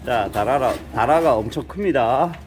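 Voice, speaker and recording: A man's voice: mid-range voice, lively intonation, moderate pace, noisy background. An older man chatting casually as a vlogger at his rural home, telling folksy stories and chuckling often. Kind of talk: casual vlog narration.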